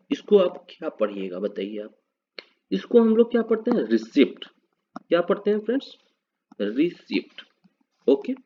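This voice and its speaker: Man quizzing viewers in a lively lesson. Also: on the high side. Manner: quizzes the viewer, then answers himself; spells words out letter by letter. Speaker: English teacher. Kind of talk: spoken English lesson. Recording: dull lo-fi recording.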